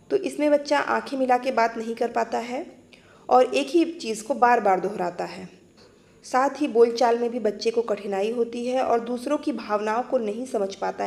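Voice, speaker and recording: A woman teacher explaining exam-prep material in a clear, patient way, restating each point. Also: fairly high pitch, a little mellow.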